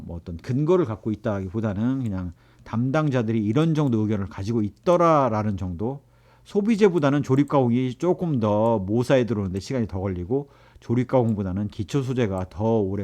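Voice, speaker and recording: A man's voice: fairly low pitch, dark tone. A man giving a recorded economics lecture, explaining at length with frequent fillers and self-corrections.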